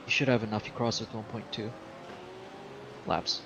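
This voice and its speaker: A man's voice: lowish voice, level tone, moderate pace, gravelly. A man acting as race engineer, giving terse pit radio calls. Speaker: race engineer on team voice chat. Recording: loud engine noise behind voice. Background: racing car engine noise.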